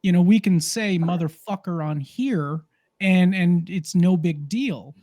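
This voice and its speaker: A man's voice: sits high, unhurried, dark tone, no room sound. A man who is a parent, co-hosting a podcast and explaining his view thoughtfully in casual chat. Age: adult parent. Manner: thoughtful, explains with many fillers and restarts.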